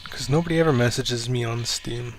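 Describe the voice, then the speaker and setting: A man hosting a casual livestream chat, rambling and self-deprecating, swearing offhandedly in a low-key, fairly monotone way. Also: brisk, noisy background. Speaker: livestream host.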